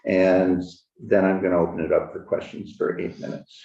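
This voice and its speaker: A man in his eighties giving informal public testimony through a face mask, halting and deliberate, muffled in an echoey room. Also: sits low, flat delivery, vocal fry, mellow. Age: 80s. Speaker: witness testifying at a committee. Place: indoor committee room. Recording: distant, dull, echoey room microphone.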